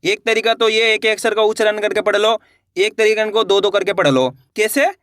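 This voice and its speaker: A man with a high, bright voice leads a beginner reading lesson. He sounds out each syllable patiently and draws the joined words out long, asking the listener again and again how to read them. The sound is close and dry, with no room around it. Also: no room sound. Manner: slow, drawn-out syllable-by-syllable reading; repetitive teacherly coaxing. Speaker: Hindi reading teacher.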